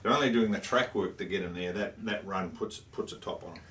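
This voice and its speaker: A man's voice: lowish voice, fairly quick, fairly bright tone. A man co-hosting a racing show, giving his opinions in casual conversation. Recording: distant mic with background ambient noise.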